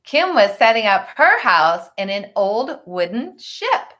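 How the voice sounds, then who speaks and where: A woman reading a picture book aloud to children in an expressive way, with chatty, teacherly asides to her listeners. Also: mid-range voice, unhurried. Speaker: storybook reader for children.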